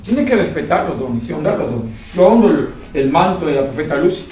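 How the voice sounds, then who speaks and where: A man preaching a sermon in a church hall, telling stories with lively repetition of his words. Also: on the high side, fairly quick, muffled recording, slight background noise. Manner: animated storytelling with many repeated words. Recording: very echoey hall, voice far from mic.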